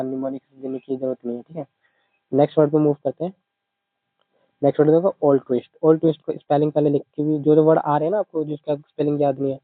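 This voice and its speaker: A man teaching exam vocabulary, speaking Indian-accented English and repeating each word slowly while he explains memory tricks. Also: a little high, dry recording. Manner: mixes English terms into Hindi explanations. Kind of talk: exam-prep vocabulary lesson. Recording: dry, tinny phone-like sound.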